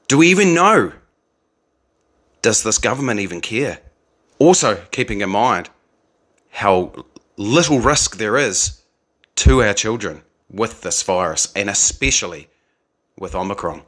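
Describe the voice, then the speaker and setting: Man, forties, New Zealand accent, bright forceful tone, indignant political monologue, rhetorical questions. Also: mid-range voice. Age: 40s. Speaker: political commentator. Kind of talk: opinion monologue.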